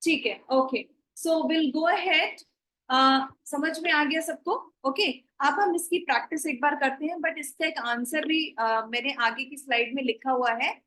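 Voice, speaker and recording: High-voiced woman teaching online. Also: measured pace, bright, forceful tone, rough recording. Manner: mixes Hindi and English, gives instructions. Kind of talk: online class lecture.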